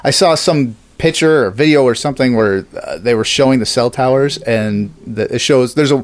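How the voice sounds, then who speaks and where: A man chatting loosely on a podcast, rambling through his points, laughing between thoughts and swearing freely. His pitch sits in the middle of the male range. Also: normal speed. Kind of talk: casual chat.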